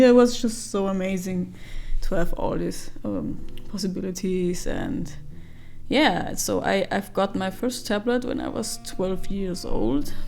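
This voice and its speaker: Hoarse, gravelly young woman vlogging. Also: lowish voice. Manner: chatty, with fillers and soft laughs. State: hoarse after karaoke. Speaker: artist vlogger. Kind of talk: casual vlog narration over a speed painting. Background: faint music.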